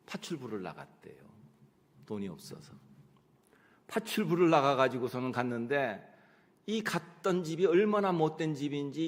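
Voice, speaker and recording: A middle-aged man preaching a sermon, telling personal stories in an animated way and acting out his own prayers and conversations. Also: on the high side. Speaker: pastor. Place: church sanctuary. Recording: long church hall reverb.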